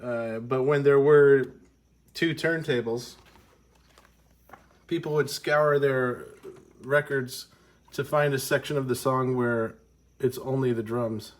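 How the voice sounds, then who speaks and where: Congested male music teacher, mid-pitched, loose and rambling delivery. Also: fairly even intonation, slow pace, long pauses. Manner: rambling, self-correcting, with frequent ums. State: congested from a cold. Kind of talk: casual explanatory lesson.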